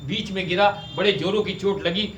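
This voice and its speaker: A man's voice: sits high, normal speed, very noisy. A male comedian, telling a comic story on stage and slipping into character voices. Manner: lively storyteller who switches into character voices. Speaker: stand-up comedian. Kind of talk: stand-up storytelling with acted voices. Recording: echoey stage sound from a distance.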